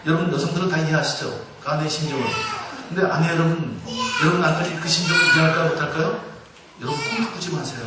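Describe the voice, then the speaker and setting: A man in his sixties, a church elder, giving a humorous talk to a congregation, telling stories and asking the audience questions. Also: a little high. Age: 60s. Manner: jokey storytelling, asks the audience questions. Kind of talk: humorous sermon-lecture to a congregation. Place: large church sanctuary. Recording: very echoey hall, mic far off, noisy.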